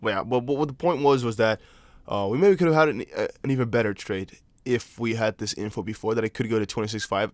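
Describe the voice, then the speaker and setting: A young Dutch man speaking English with a Dutch accent hosts a casual crypto livestream analysing charts, reading chat aloud and thinking out loud with many fillers. His voice is fairly low and the recording is dry.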